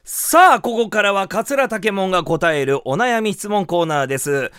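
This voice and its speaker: A man who is a rakugo performer hosting a radio show, telling comic stories in a lively way. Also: sits high, moderate pace, clean tone, faint music behind. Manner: lively, animated, acts out quotes. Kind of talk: comic storytelling talk.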